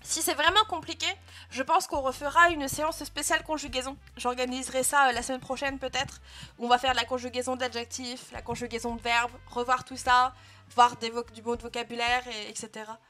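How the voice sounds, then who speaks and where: Casting note: young female teacher, bright and fairly high voice, patient step-by-step explaining, faint music behind. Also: flat delivery, fairly quick. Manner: patient, clear explaining with frequent "euh" and "hein" checks. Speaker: Japanese teacher. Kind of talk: live online language lesson.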